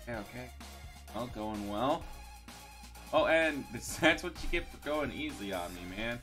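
A man's voice: mid-range voice, animated, a little slow, pushed and bright, soft background music. A man streaming live, chatting casually and thanking viewers, rambling with many fillers and restarts.

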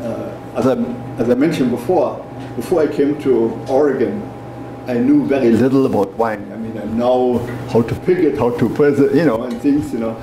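A man's voice: medium pitch, normal speed. A man in his seventies from Germany with a strong German accent, reminiscing in a rambling, conversational interview and often saying "you know". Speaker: interviewee, wine merchant. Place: indoors, small wine bar. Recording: echoey room with faint background noise.

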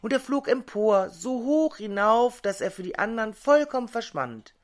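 Older female storyteller, expressive, measured, lively pitch. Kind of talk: fairy tale reading.

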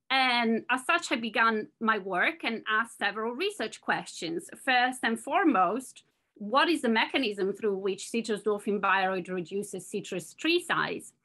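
A woman scientist giving an online academic presentation, measured and explanatory. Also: fairly high pitch, bright, forceful tone.

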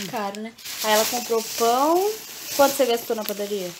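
A woman's voice: fairly high pitch, background noise. A young Brazilian woman with a Brazilian Portuguese accent, vlogging casually at home and chatting to her viewers. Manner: chatty, addressing viewers as "gente". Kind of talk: casual vlog chat.

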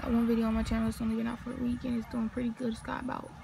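Rapid-fire and creaky, a teenage vlogger with a North Carolina Southern accent talks in a flat, fairly high voice while sitting outside with her phone camera. Her rambling chat is slangy and full of asides, and there is noise in the background.

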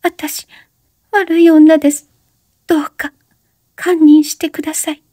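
Woman voicing a young woman, high pitch, tearful, pleading, desperate, guilt-ridden, mellow tone, dry audiobook sound. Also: steady tone, moderate pace, dry recording. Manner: pleading, breathless, sobbing.

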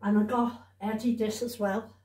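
Talking to camera indoors, a vlogger casually goes over her shopping haul, repetitive and chatty, with trailing tag questions. She speaks at a normal speed in a fairly high, a little mellow voice with little pitch movement, recorded in a roomy, echoey space.

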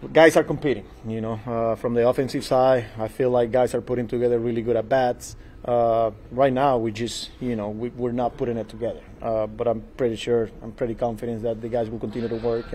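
A man in his forties, a baseball manager at a postgame press conference, speaking in a measured, halting way at a table mic in a small press room. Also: medium pitch, darkish tone, a little hiss or hum, poor audio. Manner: measured, halting, repeats words and fillers. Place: small press room before a sponsor backdrop. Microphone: table mic in front of him.

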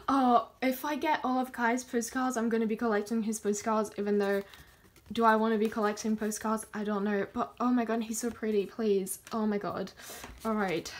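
A woman chatting casually as she unboxes photocards, gushing and excitable, gasping and counting down before each pull. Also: a little high, a little hiss or hum. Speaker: kpop collector vlogger.

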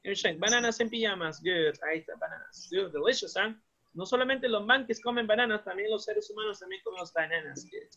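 A high-pitched, fairly quick male voice, pushed and bright, belongs to a primary school English teacher with a Peruvian Spanish accent. In his bilingual classroom lesson he cheerfully switches between Spanish and English and repeats words for young pupils. The recording is muffled and lo-fi.

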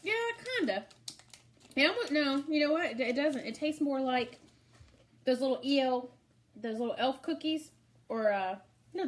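Woman, middle-aged, fairly high voice, chatty, laughs often, casual snack-tasting vlog. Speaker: vlog host.

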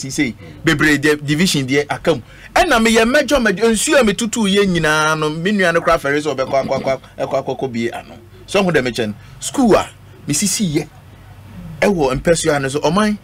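Captured on a stand-mounted studio mic in an indoor radio studio, this noisy live stream features a middle-aged man with a Ghanaian accent and a fairly bright voice on the high side. A guest on a political panel, he speaks emphatically, code-switches, and keeps repeating his phrases.

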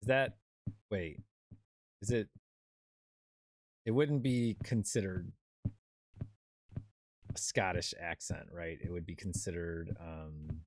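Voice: low-pitched, fairly even intonation, slow pace, long pauses, slight background noise. A young adult streamer chatting casually while playing a horror game, rambling with lots of fillers and restarts. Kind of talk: casual chat while gaming.

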